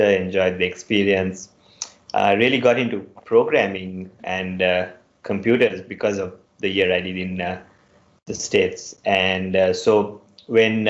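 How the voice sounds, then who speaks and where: A middle-aged man from Sri Lanka, speaking as a podcast guest in a measured way and pausing often between phrases. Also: low voice. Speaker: guest, company CTO. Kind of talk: casual podcast interview. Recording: roomy, dull lo-fi remote audio.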